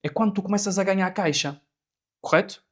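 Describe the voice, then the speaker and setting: A man's voice: high voice, a little fast, a bit bright. A man in his forties with a European Portuguese accent, hosting a podcast and pressing his points with questions. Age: 40s. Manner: questioning, emphatic. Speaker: podcast host. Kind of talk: casual chat.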